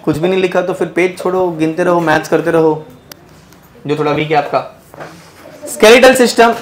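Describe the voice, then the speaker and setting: A young man with a fairly high voice, speaking at normal speed, gives a joking biology lecture to his class. He teases his students and mixes English terms into his Hindi, with a noisy classroom crowd in the recording.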